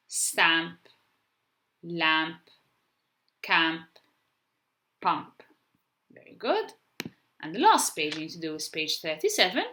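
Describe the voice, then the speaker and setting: A woman with a Maltese accent teaches young children in a recorded video lesson, her delivery slow and deliberate as she spells out each sound. Her voice is bright and a little pressed, sitting on the lower side for a woman. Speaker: primary school teacher.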